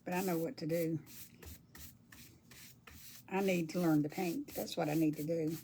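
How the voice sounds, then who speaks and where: An older woman with a deep, soft-spoken voice chats casually on a crafting livestream as she paints, reading out viewer comments and murmuring to herself. Her intonation is fairly even, her pace moderate, and the background is noisy.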